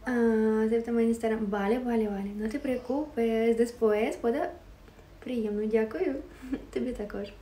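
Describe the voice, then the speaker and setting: A woman's voice: on the high side, fairly even intonation, measured pace, dark tone, roomy sound, distant mic. Giggly Ukrainian woman livestreaming. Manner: giggly, switches languages often, thanks viewers. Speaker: live-stream host. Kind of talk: casual livestream chat greeting viewers.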